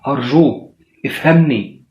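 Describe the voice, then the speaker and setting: A man's voice: medium pitch, lively intonation, a little fast, highs cut off, natural voice. A man doing a terrified young widow, begging. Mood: desperate pleading. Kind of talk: storybook horror narration. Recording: roomy echo.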